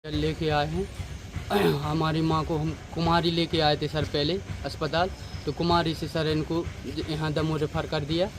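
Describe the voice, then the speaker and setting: A man's voice: a little high, little pitch movement, a little slow, over music. A young man from central India angrily recounting events to a reporter, calling him sir. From Damoh district, India. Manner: urgent, aggrieved, repeatedly addressing the reporter as sir. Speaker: bereaved family member. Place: outdoors at a hospital at night. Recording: outdoor street noise.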